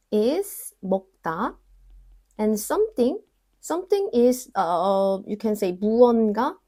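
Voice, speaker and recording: A young woman who is a native Korean speaker teaches Korean grammar in English in a casual online lesson, repeating Korean example words slowly. Her voice is on the high side with a warm tone.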